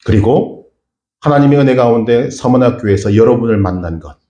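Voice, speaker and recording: A man's voice: medium pitch, mellow. Middle-aged pastor guy preaching, earnest, keeps asking the crowd questions, big echoey church sound. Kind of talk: sermon. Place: church sanctuary.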